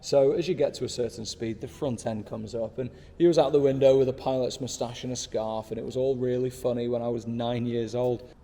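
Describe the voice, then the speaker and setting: A man's voice: mid-range voice, warm tone, long reverb tail. A man in his thirties, talking casually to camera from his desk, enthusiastic and rambling with asides. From United Kingdom. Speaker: car channel host. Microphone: small pocket camera.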